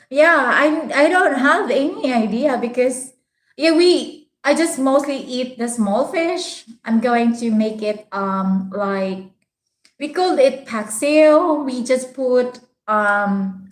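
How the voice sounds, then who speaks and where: Slow-paced woman with a Visayan Filipino accent. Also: a little high. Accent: Filipino, Visayan (Bisaya). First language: Bisaya. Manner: polite, halting delivery. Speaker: livestream host. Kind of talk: casual live chat, answering viewers' comments. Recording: roomy, echoing room sound.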